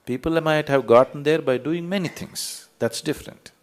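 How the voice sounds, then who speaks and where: A man's voice: fairly high pitch, moderate pace. A man giving a spiritual talk to an audience as a teacher, emphatic and full of rhetorical questions, telling parables.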